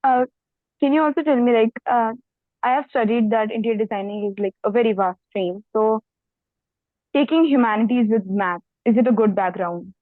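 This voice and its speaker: A woman's voice: on the high side, normal speed, no echo. A young female student in her teens with an Indian accent, asking for advice on an online call. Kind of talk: asking questions in an online session. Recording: tinny phone-like call audio, dry.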